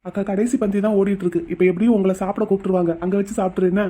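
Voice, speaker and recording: A woman voicing a teasing young village man in a cartoon, quick and mock-dramatic. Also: medium pitch, steady tone, dark tone, close to an everyday voice. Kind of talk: Tamil cartoon voice acting.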